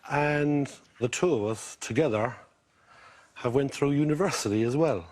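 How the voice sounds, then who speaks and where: Game show contestant: middle-aged Irishman, County Mayo accent from the west of Ireland, mid-pitched, slightly rough husky tone, telling his own story. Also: normal speed, darkish tone. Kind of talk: chatting about his life on a game show.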